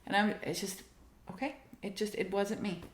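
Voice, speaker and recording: A woman's voice: mid-range voice, flat delivery, normal speed. A woman co-hosting a podcast, talking casually and reflectively about relationships. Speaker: podcast co-host. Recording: echoey room.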